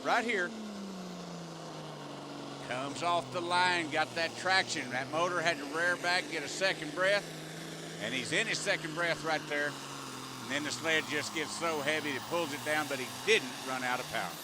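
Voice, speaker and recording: A man's voice: on the high side, normal speed. A man calling a tractor pull as an announcer, in a folksy, colloquial way with clipped phrases. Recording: loud engine and vehicle noise. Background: roaring engines, outdoor vehicle noise.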